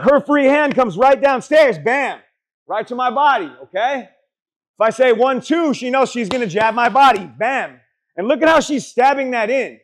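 A man coaching a boxing class, blunt, profane and motivational, urging trainees on and quizzing them as he teaches drills. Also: extremely high pitch. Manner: asks the group questions and answers them. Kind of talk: hands-on drill instruction to a class. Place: boxing gym during a group class.

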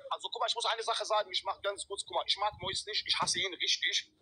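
A man's voice: high-pitched, steady tone, quick pace, sharp tone, a little hiss or hum. A middle-aged man chats in slang on a livestream by phone, insistent and full of oaths. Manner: insistent, swearing oaths, repetitive. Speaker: guest on a livestream. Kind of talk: casual slangy livestream chat. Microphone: handheld phone on a video call.

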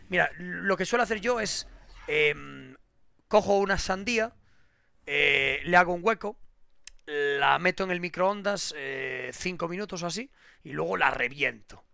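A young male streamer talks crudely and swears freely, dropping to a mutter and then bursting into yells. His voice sits high and swings widely, with a gravelly edge. The tone is very bright and sharp. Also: no echo, clean studio sound. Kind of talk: casual live-stream chat.

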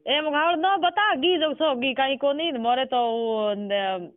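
Slow and very high-voiced, a man with a Rajasthani accent has a casual chat on the phone, asking questions and repeating words back. The call sounds tinny and narrow, with no room sound.

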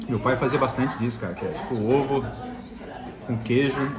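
Sitting in a busy restaurant with chatter all around, a southern Brazilian man from Santa Catarina tastes food for his travel vlog. He talks casually at a normal pace in a mid-range voice, often saying the same things again.

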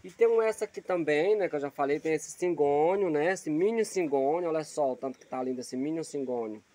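A man hosting a casual plant tour vlog outdoors, filming on a phone and tagging nearly every phrase with a quick question. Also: on the high side, low-quality recording. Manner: chatty, repeats "né?" after almost every phrase. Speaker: channel host showing his plants. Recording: loud outdoor noise behind.

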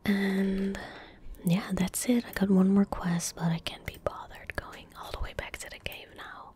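Her mid-range voice stays flat as she whispers breathily through a game, a young ASMR streamer offering slow, murmured remarks mostly to herself. The indoor computer setup carries faint noise and soft game ambience.

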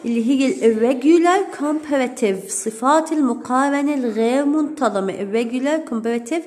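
A woman English teacher gives a recorded grammar lesson, slightly high in pitch. She drags out each English example word slowly. Her explanations in between come quicker and plainer. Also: darkish tone. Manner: switches between slow, deliberate English and quick Arabic explanations; stretches out English example words.

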